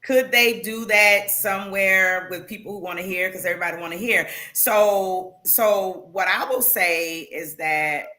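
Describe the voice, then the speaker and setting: A woman's voice: medium pitch, a little slow, few pauses, sharp tone. A woman talking as an interview guest, earnest and emphatic, with faith references. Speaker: guest, founder of a women's platform. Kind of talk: conversational interview.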